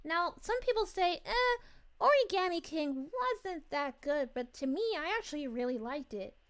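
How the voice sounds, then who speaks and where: A woman's voice: high voice, animated, moderate pace, fairly bright tone. A woman voicing a sweet, bubbly young cartoon princess who hosts a livestream, chatting casually and gushing over viewers' messages. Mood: enthusiastic, chatty. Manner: gushing, giggly, exclaims with cooing woo-hoos. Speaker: livestream host.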